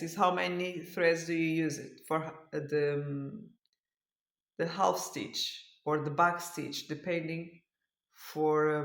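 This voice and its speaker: Weary at the end of a long day, this Portuguese-speaking cross stitch vlogger thinks out loud and searches for words while showing her work casually. Her voice sits on the low side with a fairly bright tone, and the room sounds echoey.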